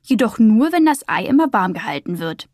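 A woman voicing a knowing crow with a croaking voice in a storybook reading. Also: mid-range voice, very animated, a little fast, a little mellow, dry recording, studio quality, lightly acted.

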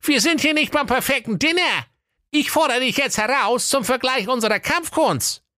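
A man's voice: very high voice, expressive, normal speed, sharp tone, no room sound, studio quality, voice pushed up, exaggerated voice. A man voicing a brash, blustering male ninja who is secretly cowardly, in a comic fairy tale. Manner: brash, insulting.

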